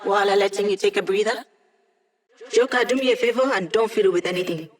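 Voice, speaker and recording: A woman's voice: medium pitch, quick pace, lightly acted. A woman voicing a playful young female hacker in a video game, with a casual, wry, teasing manner.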